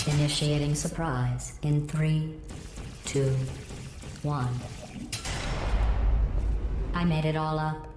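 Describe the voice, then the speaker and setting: A woman voicing a cold, sarcastic female AI that runs test chambers, speaking through a robotic filter in a deadpan, mocking way. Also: low voice, slow, pauses often, music in the background. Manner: deadpan, mocking, passive-aggressive. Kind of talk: video game dialogue. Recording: echoey with steady background noise.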